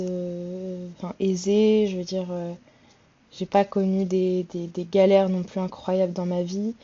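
A woman's voice: mid-range voice, warm tone. Hesitant young woman podcaster, dull sound. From France. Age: 20s. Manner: hesitant, many fillers and restarts. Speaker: podcast host. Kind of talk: casual solo podcast talk.

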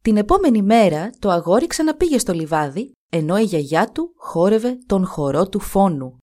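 Expressive woman reading a folk tale. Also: mid-range voice. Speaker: storyteller. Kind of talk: storybook reading.

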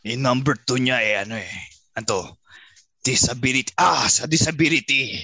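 Man putting on a deep pitch-shifted uncle voice. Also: normal speed, vocal fry, bright, forceful tone, no echo. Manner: rambling, blunt, loses his words. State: sore throat. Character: gossipy older uncle, gruff and blunt. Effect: voice changer pitching the voice deep. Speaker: podcast co-host. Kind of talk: comedic podcast bit.

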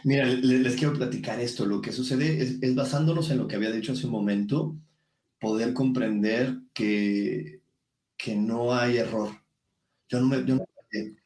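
Mexican guy, mellow voice, calm coaching talk, roomy echo. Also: mid-range voice, normal speed. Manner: calm, coaching tone, everyday examples. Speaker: guest speaker. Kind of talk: explanatory conversation. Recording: echoey room.

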